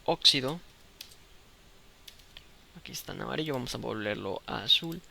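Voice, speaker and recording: A man's voice: medium pitch, lively intonation, normal speed, creaky, bright, forceful tone, slight background noise. A man teaching a chemistry lesson, explaining step by step in a patient way and checking often that the students follow. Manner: patient, checks understanding with "¿de acuerdo?".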